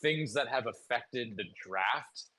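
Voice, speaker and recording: Bright punchy guy cracking jokes on a podcast, dry sound. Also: medium pitch, expressive, takes it slowly, dry recording. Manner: joking, wisecracking. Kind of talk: casual podcast chat.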